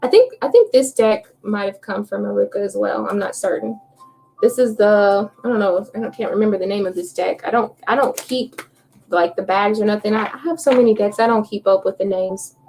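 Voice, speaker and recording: Woman tarot streamer, casual and talkative, laughs easily; slightly high voice, light background noise. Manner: chatty, laughs often, talks to viewers while shuffling cards. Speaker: tarot reader livestream host. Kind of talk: casual livestream chat.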